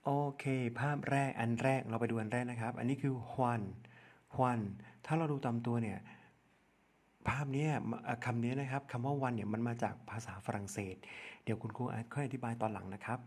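A man with a Thai accent teaching young children English numbers, spelling out letters one at a time and repeating each word slowly. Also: mid-range voice. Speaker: primary school English teacher. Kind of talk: slow step-by-step lesson narration.

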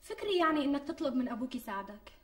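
An actress playing a pampered, demanding young pregnant wife with a Syrian Damascene accent, wheedling and quick to take offence. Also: female voice, high voice, expressive. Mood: insistent. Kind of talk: TV sketch acting. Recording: distant mic with faint music.

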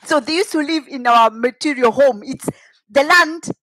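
A woman's voice: high-pitched, moderate pace, fairly bright tone, dry recording, rough recording. A middle-aged woman with a Kikuyu Kenyan accent, telling a personal story in a dramatic, emphatic way on a headset mic. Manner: dramatic, emphatic, with rhetorical questions. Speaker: vlogger telling own life story. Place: home kitchen, indoors.

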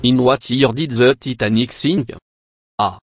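A man's voice: mid-range voice, unhurried, over loud music, close to an everyday voice. A man voicing a pompous, mocking, foul-mouthed host of a cartoon parody game show. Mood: posing questions.

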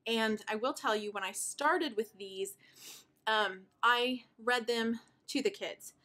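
Taking it slowly in a fairly high voice, a thirty-something homeschooling mom walks viewers through her curriculum in a casual show-and-tell video. She's chatty and warmly eager, using fillers while sighing and sounding breathless.

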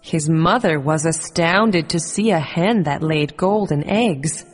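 A woman narrating a children's fairy tale in a calm, measured storytelling manner. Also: deep voice, slightly rough, big-room sound, soft background music.

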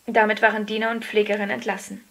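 A woman giving a calm, measured scripted narration of a children's story. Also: mid-range voice, creaky. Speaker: audiobook narrator.

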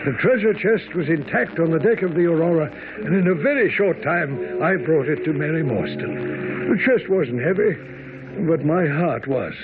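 An actor in a radio drama playing an earnest, excitable gentleman doctor, a detective's loyal companion. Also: fairly high pitch, moderate pace, lightly acted. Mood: sober narration. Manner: earnest, expressive. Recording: dull, noisy old radio broadcast.

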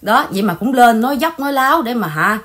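A woman hosting a casual livestream chat, animated and repetitive, speaking straight to her viewers. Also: a little high, fast talker. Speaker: channel host.

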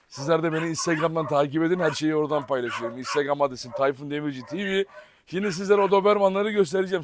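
A man with a fairly high voice vlogs from his dog farm, chatting with viewers and calling out to his dogs in a lively way. Dogs bark faintly behind him. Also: noisy background. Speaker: dog farm owner and vlogger. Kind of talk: casual vlog talk to viewers and dogs.

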